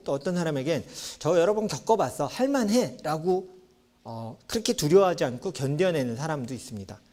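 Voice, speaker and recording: A man preaching a sermon as pastor, telling stories with lively acted-out voices of children and parents. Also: a little high. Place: church sanctuary.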